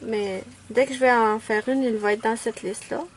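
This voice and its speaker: A woman chatting casually at home through a nail art tutorial, self-mocking and quick to apologize. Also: on the high side, steady tone, a little hiss or hum.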